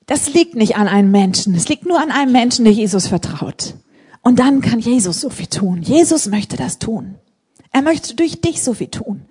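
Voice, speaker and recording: Woman preaching in church, kinda high husky voice, tells stories all animated and gets loud on the big points. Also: moderate pace. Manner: animated storytelling, emphatic, rising to loud appeals. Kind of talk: sermon with personal testimony. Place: church service.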